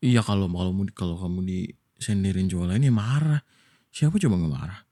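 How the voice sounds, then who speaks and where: A man from Indonesia doing a whispered boyfriend role-play, soft and coaxing as he soothes his partner. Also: low-pitched, lively intonation, a little fast. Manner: soft, coaxing, affectionate toward listener.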